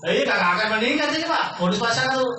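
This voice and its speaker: A man giving a persuasive business sales pitch to a seminar audience, asking questions and answering them himself. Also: expressive, rapid-fire. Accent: Indonesian. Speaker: business presenter. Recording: echoey room from far off, faint noise.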